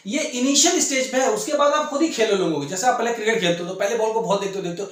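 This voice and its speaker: A man's voice: high-pitched, racing. A man who speaks Hindi and English with an Indian accent, teaching an online English lesson and coaxing his students, who speak Hindi, with constant check-ins. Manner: coaxing, keeps adding "ठीक है ना?". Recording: very echoey room.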